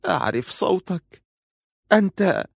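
Male narrator doing weak injured young woman, high faint whisper, dry close sound. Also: fast, warm tone, dry recording, natural voice. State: in pain, near fainting.

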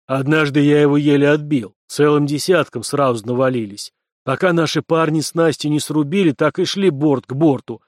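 A blunt, gruff giant Norse warrior, as a male audiobook reader puts him on, speaking plainly and a touch raised. The sound is dry and close. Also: fairly high pitch, normal speed, dry recording, lightly acted.

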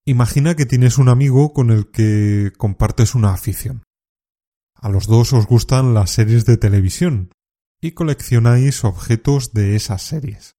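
Man teaching with a very dark voice. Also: mid-range voice, measured pace. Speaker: Spanish teacher. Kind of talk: scripted explanatory lesson.

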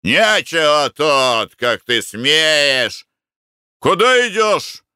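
A man voicing a rough, suspicious hotel corridor servant who barks accusations in an audiobook. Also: mid-range voice, lively intonation, slow pace, dry recording, studio quality, full character voice. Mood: angry, suspicious. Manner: shouting, gruff accusations.

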